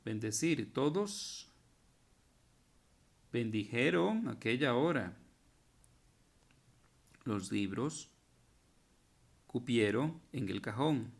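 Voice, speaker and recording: A man's voice: medium pitch, expressive, drawn-out words, gravelly, pauses often. A man teaching a recorded grammar lesson, patiently working through verb forms one at a time and stopping to correct typos and his own slips. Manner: corrects himself and points out typos.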